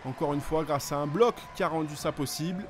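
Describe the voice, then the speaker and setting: A man giving excited sports commentary, calling the play as it happens with urgency on each attack. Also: fairly high pitch, fairly quick, noisy background.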